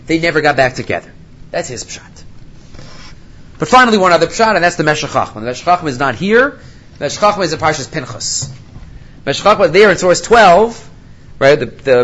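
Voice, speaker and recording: A man's voice: fairly high pitch, a bit bright, highs cut off. A man giving a religious lecture as a Torah teacher, emphatic, asking and answering his own questions and mixing Hebrew quotations into English. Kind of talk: religious lecture on scripture commentary.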